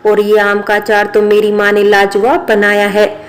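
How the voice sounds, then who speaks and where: A woman voicing a kind but easily offended young maid, in an earnest, flat reading. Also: mid-range voice, a little slow, lightly acted.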